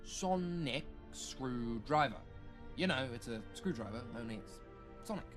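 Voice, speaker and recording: A man's voice: medium pitch, expressive, unhurried, fairly bright tone, soft background music. A man playing a cocky, theatrical time-travelling pony stallion in a fan audio drama. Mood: sheepish. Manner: theatrical, playful, taunting.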